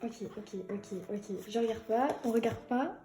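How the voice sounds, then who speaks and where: A giggly young woman talks through an album unboxing in a casual, excited vlog voice. Her voice sits on the high side with a mellow, soft tone. The room is echoey and faint music plays behind her. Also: measured pace.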